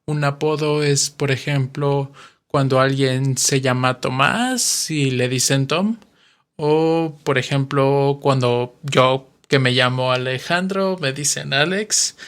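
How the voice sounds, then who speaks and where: A podcast host and Spanish teacher in his twenties, from western Mexico, speaks with a Mexican Spanish accent in a mid-range, slightly bright voice. He takes it slowly, delivering a patient explanatory monologue full of examples.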